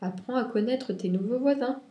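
A woman voicing a calm, serene mother rabbit on the phone, speaking slowly and reassuringly. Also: fairly high pitch, muffled recording, pitched above the performer's own voice, lightly acted. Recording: roomy echo.

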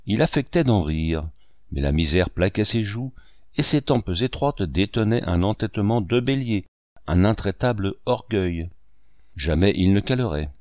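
A man narrating a classic novel in a measured, expressive reading. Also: lowish voice, no echo. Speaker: audiobook narrator.

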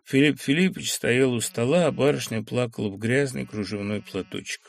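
A man narrating a classic novel as an expressive, dramatic audiobook reading. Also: medium pitch, fairly quick, creaky.

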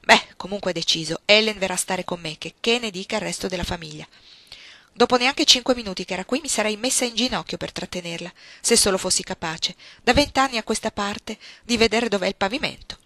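A woman's voice: mid-range voice, fairly quick, sharp tone, no room sound. A woman voicing a shrewd, imperious old grandmother who is bedridden, speaking in an insistent, sly and coaxing way in an audiobook. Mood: confiding.

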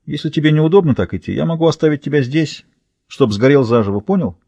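Brief: male reader as a big intimidating guard, curt threats, husky, dry close mic. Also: fairly high pitch, expressive, fast, warm tone, no room sound, dull audio, voice pushed up, full character voice. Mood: sneering threat. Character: hulking male prison guard, cold and menacing. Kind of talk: audiobook character voicing.

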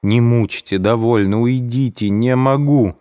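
A man's voice: medium pitch, measured pace, warm tone, in a large hall, pitched above the performer's own voice, lightly acted. A man reading a feverish young man's lines, curt, weary and irritable.

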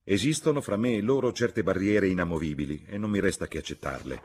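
A man reading an audiobook, voicing a haughty, aloof young gentleman in a measured, husky voice. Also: low-pitched, a little hiss or hum, voice pushed up, lightly acted.

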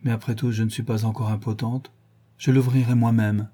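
A man's voice: mid-range voice, level tone, brisk, dark tone, breathy edge, close to an everyday voice. Man voicing a delirious young Catherine. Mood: urgent. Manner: impassioned, pleading. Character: delirious feverish young woman, wild and anguished. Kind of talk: audiobook character reading.

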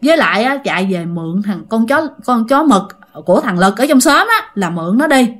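Brief: gruff old village elder, blunt and commanding, read by a woman storyteller. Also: a little high, animated, a little fast, fairly bright tone. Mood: urgent.

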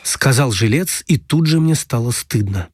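A man narrating a story in a steady storytelling manner. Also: medium pitch, husky, no echo, studio quality. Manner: steady storytelling, brisk past-tense narration.

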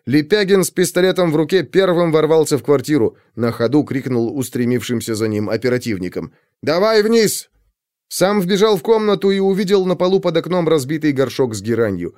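Expressive male audiobook narrator. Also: fairly high pitch, a little fast, no room sound, studio quality. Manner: expressive, dramatic storytelling.

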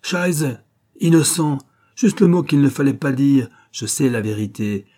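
A man's voice: medium pitch, fairly quick, dark tone, lightly acted. A man voicing a cruel, sneering German SS lieutenant who barks and mocks, dropping German exclamations. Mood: contemptuous. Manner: barking, mocking, with German exclamations.

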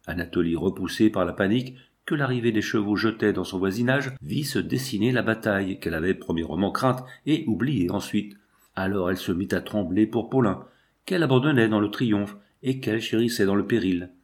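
Low-voiced man narrating a novel. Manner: measured, dramatic reading of a novel. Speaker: audiobook narrator. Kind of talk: scripted literary narration.

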